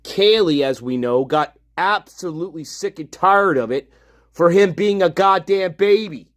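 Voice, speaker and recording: In a high, animated voice and at an unhurried pace, a livestream host vents about the video he is playing, swearing, getting heated and repeating himself.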